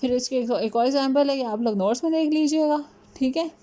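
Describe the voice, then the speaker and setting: A woman teaching a class on punctuation. She mixes Hindi and English, reads the English examples slowly and checks in often. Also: high-pitched, mellow. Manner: adds "ठीक है" after points. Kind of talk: lecture on punctuation.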